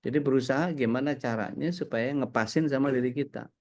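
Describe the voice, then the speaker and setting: A man speaking as a cleric in relaxed, conversational religious talk, often pausing with fillers and turning to the audience. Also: medium pitch. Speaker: cleric and co-host.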